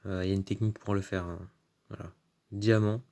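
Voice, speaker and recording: A man's voice: deep voice, little pitch movement, brisk, gravelly, darkish tone. A man chatting casually in a vlog, going through his card collection, full of "euh" and "hein", stretching out card names with enthusiasm. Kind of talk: casual unboxing-style vlog commentary.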